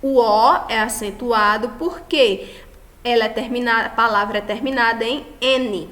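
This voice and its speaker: A Brazilian woman with a Brazilian Portuguese accent teaches Spanish in a recorded lesson, affectionately checking in with her class again and again. She stresses each example word loudly, and her voice is a little high and unhurried.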